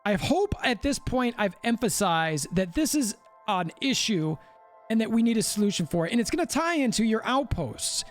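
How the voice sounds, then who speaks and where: A man hosting a gaming channel, giving animated gameplay commentary and repeating himself for emphasis. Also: high voice, normal speed, soft background music.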